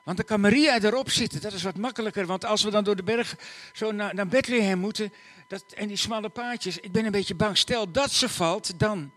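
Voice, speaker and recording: A man voicing a kind young carpenter who speaks gently and hesitantly and worries about a long journey. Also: fairly high pitch, lively intonation, moderate pace. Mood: worried.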